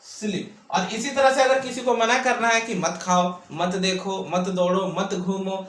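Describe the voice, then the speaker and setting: High-voiced man teaching grammar in a roomy echo. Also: steady tone, a bit bright. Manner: asks and answers his own questions, drawn-out words. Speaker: English teacher. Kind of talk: classroom grammar lesson. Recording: echoey room, mic at a distance.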